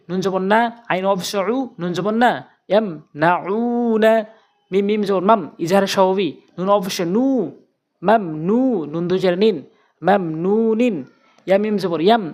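A Quran recitation teacher giving a step-by-step tajweed lesson, spelling out letters and vowel marks syllable by syllable, then repeating the joined sounds slowly and drilling them again and again. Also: mid-range voice. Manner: patient, repetitive drilling with questions and answers.

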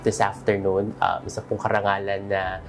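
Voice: low-pitched, level tone, a little fast. An interviewer with a Filipino accent who asks polite, hesitant questions in a mix of English and Filipino. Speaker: interviewer, magazine host. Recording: music bed under the voice.

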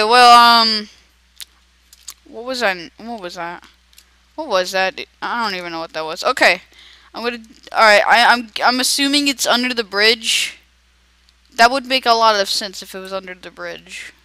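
An excitable teenage boy narrates his game aloud in a chatty, rambling way. His voice is bright and smooth, and the recording is dry and close. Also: very high voice, no echo, rough recording. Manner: excitable, chatty, talks to himself while playing. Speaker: gaming video creator. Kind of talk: casual gameplay commentary.

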